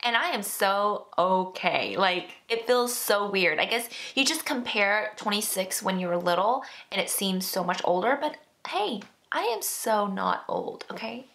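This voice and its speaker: A young woman in her twenties answering viewer questions in a relaxed sit-down chat. Her voice is bright and crisp, her pitch sits in the middle for a woman, and she rambles along in a friendly, self-deprecating way with plenty of fillers. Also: a little slow. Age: 20s. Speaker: beauty vlogger. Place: indoor, seated.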